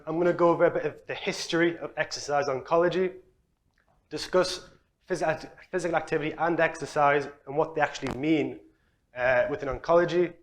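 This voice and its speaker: A young man from Newcastle, giving a relaxed, chatty conference talk as a researcher. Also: on the high side. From Newcastle, England. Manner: relaxed, chatty, self-deprecating. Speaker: exercise physiology researcher. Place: conference hall.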